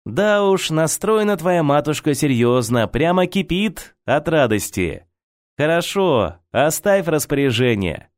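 A man's voice: fairly high pitch, big pitch swings, a little slow, dry recording, pitched above the performer's own voice. A man voicing a sarcastic, wry woman who speaks to the narrator in a sardonic, dry way in an audiobook.

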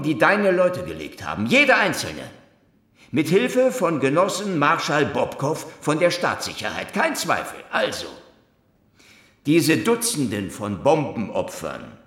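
In a German radio crime drama, a male actor plays a cynical Soviet secret police investigator with a sardonic, taunting, theatrical delivery. His voice is a little high and fairly bright, and the sound is roomy.

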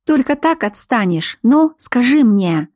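A woman's voice: on the high side, very animated, unhurried, darkish tone, no echo, studio quality, voice pushed up. A woman voicing a frightened but defiant young fox-shifter woman in an audiobook, speaking in a raised, agitated voice. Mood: furious.

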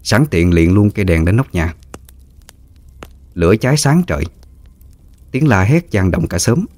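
A man's voice: low voice, expressive, measured pace, a little mellow, no room sound. A man, steadily narrating a ghost story.

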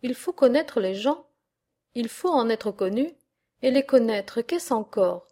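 A woman's voice: fairly high pitch, animated, unhurried, mellow. A woman voicing a timid young farm girl who pleads hesitantly with her father, in an audiobook reading. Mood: pleading.

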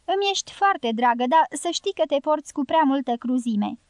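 A woman reading the part of a gentle, affectionate young woman. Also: high-pitched, expressive, no echo, studio quality. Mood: tender. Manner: tender, earnest.

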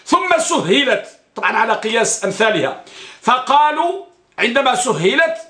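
A man's voice: very high-pitched, very animated, normal speed, pushed and bright, roomy sound. A man teaching an Islamic studies class, asking his students questions and answering them himself, and repeating key phrases. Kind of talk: classroom lecture on a hadith text.

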